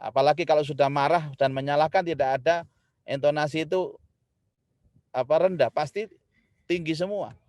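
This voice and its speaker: A man giving a lively Islamic sermon to an audience, swinging from loud emphatic lines to quiet ones and addressing the listeners directly. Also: a little high, normal speed, pauses often, dry recording. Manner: lively, rising loud when building a point, then dropping soft; addresses the audience directly, acts out spouses' quarrels. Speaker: preacher.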